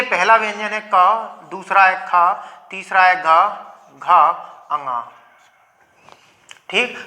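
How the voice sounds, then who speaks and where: A young man teaching Hindi grammar in a lecture, asking questions and answering them himself and sounding out each letter slowly. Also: high-pitched, pushed and bright. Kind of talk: classroom lecture.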